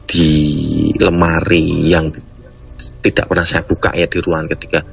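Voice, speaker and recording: A man's voice: low voice, completely flat delivery, moderate pace, vocal fry, soft background music. A man calling in to a radio show, rambling through a ghost story and often addressing the host as "Mas". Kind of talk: casual storytelling on a radio call.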